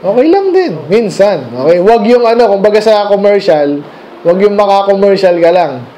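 High-voiced Filipino pastor, mellow tone. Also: male voice, sing-song, moderate pace, a little hiss or hum, low-quality recording. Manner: conversational, mixing English phrases, rhetorical questions. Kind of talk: midweek Bible study sermon. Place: church meeting room.

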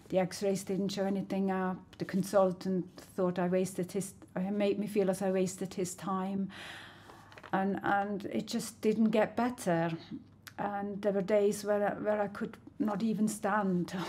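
A woman from Switzerland in her sixties telling her personal faith story in an earnest, reflective way with soft hesitations, recorded in a small living room on a stand mic. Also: mid-range voice, slight background noise. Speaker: church member sharing her testimony. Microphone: stand mic, camera at medium close-up. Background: soft background music.

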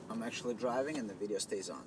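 This man talks fast in a voice on the low side. As a product demonstrator, he offers a loose, conversational walkthrough inside a car partly out in the wind, and the camera mic carries a faint wind hiss.

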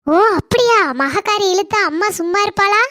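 Pitched very high, her voice is animated, pushed, bright, and deliberately exaggerated, moving at a moderate pace. She voices a cartoon housewife who is middle-aged, stingy, and fond of gossip, speaking with a Kanyakumari Tamil accent in a tart, talkative way during a gossipy comic exchange.

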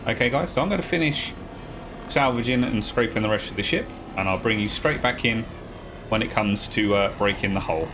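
A man talking viewers through a video game tutorial step by step, in a relaxed, casual voice-over. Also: lowish voice, fairly quick, noisy background. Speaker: gaming guide creator.

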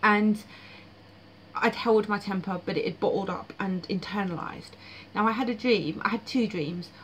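A woman's voice: mid-range voice, moderate pace, fairly bright tone, a little hiss or hum, poor audio. A woman vlogging about her dreams in casual, frank, blunt monologue with frequent fillers.

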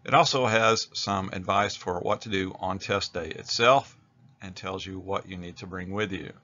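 A man's voice: low voice, moderate pace, bright, forceful tone, lo-fi sound. An American man narrating an instructional video as a teacher, explaining things in a plain-spoken way.

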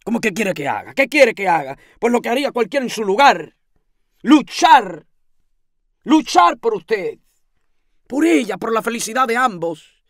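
A meddling older landlady who scolds in shrill, rapid bursts, as a male reader puts her on. Her pitch leaps sharply from line to line, and the reading sounds dry and close, with no room around it. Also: sing-song, dry recording. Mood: indignant. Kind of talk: audiobook reading.

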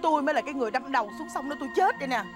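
A woman's voice: high voice, animated, very fast, music in the background. A woman with a Southern Vietnamese accent playing a dramatic, complaining wife in a comedy skit.

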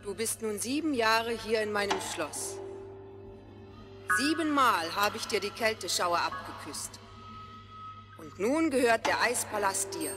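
A woman playing a cold, commanding queen of ice in a fairy-tale audio drama, measured and imperious. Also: mid-range voice, expressive, close to an everyday voice. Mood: cool, imperious. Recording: music behind the voice.

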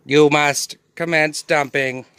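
A man voicing a bossy male robot police enforcer in a comedy skit, barking clipped, monotone commands. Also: fairly high pitch, slow, noisy background. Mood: commanding.

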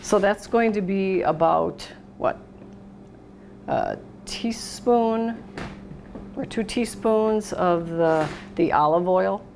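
A middle-aged American woman hosts a laid-back cooking demo in an indoor kitchen, talking unhurriedly through each step at a steel worktop. She speaks slowly at a medium pitch, with a creaky, darkish voice and long pauses. Dishes clatter over a noisy kitchen background.

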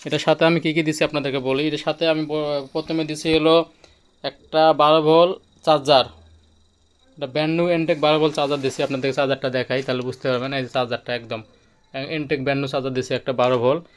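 An electronics shop owner with a Bangladeshi accent casually demonstrates a product, showing it hands-on and repeating his explanations. His slightly high voice is flat, fast, and smooth, with music playing in the background from the player he is demonstrating.

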